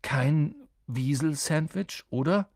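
A man's voice: fairly high pitch, takes it slowly, a little mellow, dry recording, studio quality, voice pushed up. A man voicing an earnest, brave young boy wizard in an audiobook, urging and pleading. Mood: worried. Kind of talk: audiobook character voice.

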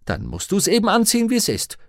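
A man's voice: high voice, huge pitch swings, brisk, no room sound, voice pushed up, exaggerated voice. A male audiobook reader voicing a strict, nagging middle-aged housekeeper woman in a dry, close recording. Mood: scolding. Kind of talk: audiobook reading.

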